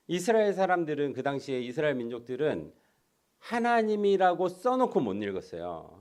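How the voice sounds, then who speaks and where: Middle-aged male pastor, lively sermon delivery, raised pitch, rhetorical questions, loud-soft swings. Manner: rhetorical questions answered himself, swings between loud emphasis and quiet asides.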